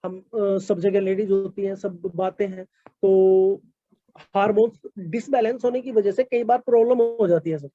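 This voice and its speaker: High-voiced man on a dull call line. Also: mellow, no echo. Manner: polite, many fillers and repeated "sir". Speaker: product testimonial speaker. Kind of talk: online meeting talk.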